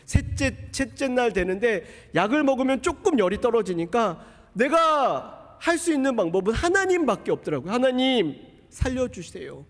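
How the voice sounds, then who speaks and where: A high-pitched young man preaches a personal testimony in a church. He tells it as a story and acts out the people he quotes. His voice rings through a sanctuary with a long hall reverb. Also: sing-song, normal speed. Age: young adult. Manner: storytelling, acting out quoted dialogue. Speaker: missionary preacher. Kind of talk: sermon testimony.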